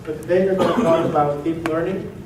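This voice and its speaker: A Swiss man with a Swiss German accent presents a technical talk to an audience at a tech meetup, held in a meeting room at a company office. His voice is on the high side and fairly quick, relaxed and conversational with frequent "uh" and "um". Recorded from a distance, the room is echoey and there's background noise.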